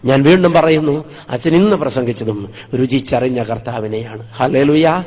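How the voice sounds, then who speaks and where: A man's voice: mid-range voice, normal speed, a little mellow. A man from Wayanad in Kerala, a priest preaching a sermon, telling his own life story dramatically and acting out the scenes.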